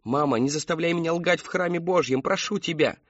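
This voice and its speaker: A man's voice: fairly high pitch, fairly quick, no echo, dull audio, voice pushed up, close to an everyday voice. A man voicing a frightened teenage girl who pleads and tearfully confesses in a storybook reading. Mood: pleading.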